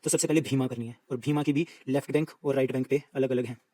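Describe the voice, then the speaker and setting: A man teaching an exam-prep geography lesson, reciting lists briskly and repeating them to drill them in. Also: mid-range voice, steady tone, dark tone, dry recording, low-quality recording.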